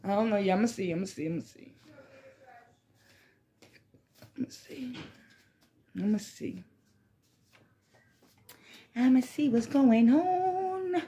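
Higher-pitched woman in a slangy stoner ramble. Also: slow, long pauses, warm tone, a little hiss or hum. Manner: laid-back stoner ramble, slangy, profane, drifting and repeating phrases. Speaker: vlogger hosting a smoke session. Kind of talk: casual rambling chat to camera. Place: small bedroom, indoors. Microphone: phone propped at arm's length or a little further.

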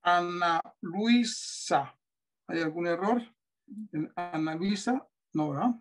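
Mexican man, high-pitched, patient teacher showing classroom materials. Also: unhurried, darkish tone. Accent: Mexican Spanish. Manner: patient, asks many rhetorical checks. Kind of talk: classroom-style demonstration.

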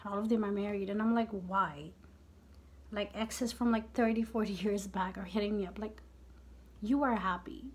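A woman's voice: medium pitch, steady tone, a little fast, darkish tone. A woman in her fifties chatting casually while doing her makeup. She speaks candidly, swears freely and often drops into half-whispered asides. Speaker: beauty vlogger.

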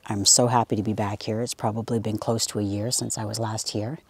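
Gravelly low-voiced man on a hike. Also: little pitch movement, no echo. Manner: easygoing and reflective, with pauses. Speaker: nature vlogger. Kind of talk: casual outdoor commentary. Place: outdoors on a wooded country trail.

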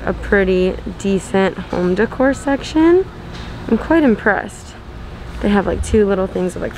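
The recording is low quality, with a little hiss or hum, and her medium-pitched voice has a darkish tone. She's a young Florida decor vlogger, bubbly and full of fillers, gushing casually about her shopping finds on a handheld camera in stores and afterward from a parked car.

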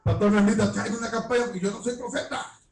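A man's voice: high voice, fairly even intonation, fast, echoey room, recorded from a distance, poor audio. A man preaching an impassioned sermon as an evangelist, crying out and acting out prayers. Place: church.

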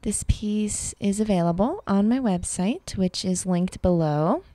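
A woman artist and teacher giving a calm, reflective talk over an art demonstration, soft and unhurried with fillers. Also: medium pitch, no room sound.

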